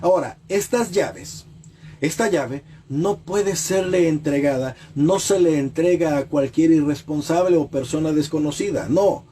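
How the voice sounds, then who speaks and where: A man delivers a sermon in a mellow, warm voice pitched a little high for a man. He repeats key phrases and puts rhetorical questions to the listener, and he drops low and slow on solemn lines. Faint noise hums behind him. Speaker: preacher.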